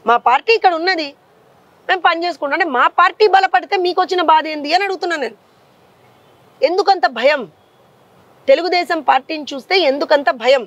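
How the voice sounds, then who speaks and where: Fiery, fast-talking Telangana woman. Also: very high voice, no room sound, highs cut off. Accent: Telangana Telugu. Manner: fiery, rapid rhetorical questions. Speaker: party leader interviewed. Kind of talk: combative political interview.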